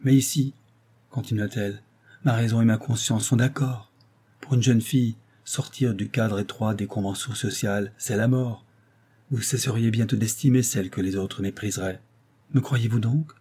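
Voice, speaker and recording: A man's voice: lowish voice, moderate pace, dark tone, breathy edge. A man voicing a proud, dutiful young noblewoman in an audiobook, reading her lines in an earnest, declamatory way. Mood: pleading.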